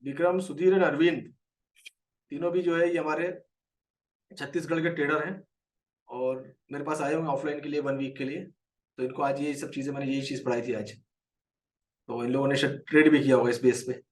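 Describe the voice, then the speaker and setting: Indian male trading tutor, rapid, slightly off-mic, answers viewers by name. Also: a little high, steady tone, far from the mic. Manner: explains a chart, quizzes viewers by name. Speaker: trading teacher. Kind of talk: live market lesson.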